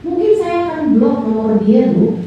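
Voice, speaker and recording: A woman preacher giving an animated, sing-song sermon and acting out the voices she quotes, heard from far off in a hall. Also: high-pitched, moderate pace, highs cut off. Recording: echoey hall, voice from far off, faint noise.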